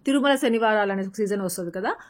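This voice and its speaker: A woman's voice: mid-range voice, quick pace. A woman vlogger with a Rayalaseema Telugu accent, narrating her family's day in a chatty, casual way with English words mixed in. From Rayalaseema, Andhra Pradesh.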